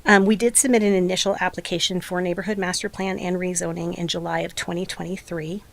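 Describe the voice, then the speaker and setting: A development applicant, a woman with a lowish, slightly hoarse voice, speaks fast with fairly even intonation. She is giving a formal, prepared presentation at a public meeting.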